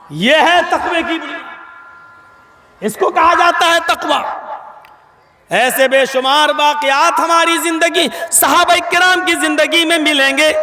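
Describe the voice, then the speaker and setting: A man delivering a sermon, telling stories dramatically and rising to shouts for emphasis. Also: very high-pitched. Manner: dramatic storytelling, voices the people in his stories. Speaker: preacher. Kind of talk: Urdu sermon. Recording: echoey hall sound system.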